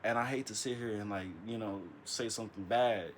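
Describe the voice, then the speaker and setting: A man vlogging late at night in a dark room, talking into an iPad's built-in mic. He rambles, stammers and restarts, and says "bro" constantly. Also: on the low side, steady tone, a little fast, a little hiss or hum. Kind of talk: casual late-night monologue. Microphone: iPad built-in mic.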